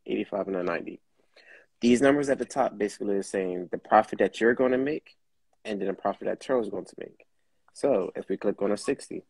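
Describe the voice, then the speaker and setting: A man's voice: fairly low pitch, a little mellow, husky, no room sound. A man hosting a casual chat, explaining things in a blunt, profane, laid-back way. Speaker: host.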